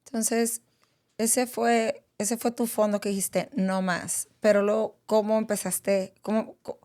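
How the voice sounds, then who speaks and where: A woman's voice: mid-range voice, little pitch movement, measured pace, darkish tone. Empathetic woman podcast host. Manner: empathetic, probing interviewer with many affirming murmurs. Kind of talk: podcast interview.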